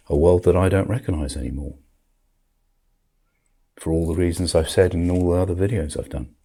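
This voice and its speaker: A man's voice: low-pitched, warm tone, breathy edge. An older man in a grumpy, world-weary back-in-my-day rant, commenting on the world with emphatic outbursts. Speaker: video commentator.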